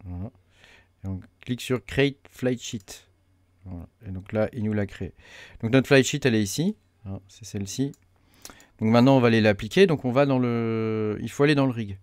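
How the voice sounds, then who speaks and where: A man talking through a software setup tutorial, hesitant with many fillers as he clicks along. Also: medium pitch, moderate pace, no echo. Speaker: crypto mining tutorial host. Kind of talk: casual screen-recorded tutorial.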